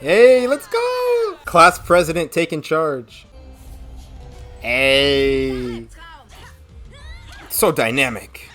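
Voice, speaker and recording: A woman giving casual, expressive reaction commentary as the host of a video, often exclaiming. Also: low-pitched.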